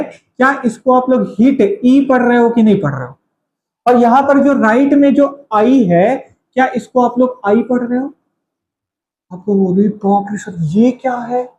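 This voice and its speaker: A man's voice: very high voice, lively intonation, measured pace, a little mellow, dull audio, a little hiss or hum. A man teaching a grammar lesson, calling his students kids, repeating each point and quizzing them. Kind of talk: classroom lecture. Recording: echoey room.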